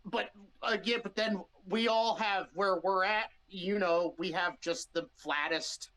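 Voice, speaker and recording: A man's voice: high voice, measured pace, sharp tone, poor audio. A man with a Midwestern American accent, a band member chatting casually in an interview, rambling with restarts and easy laughs.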